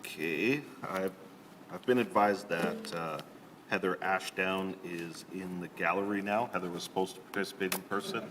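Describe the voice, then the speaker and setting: A man chairing a public committee meeting, calling up speakers in a measured, procedural way with hesitant fillers. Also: deep voice. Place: large council chamber. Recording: long reverb of a council chamber, faint room hum.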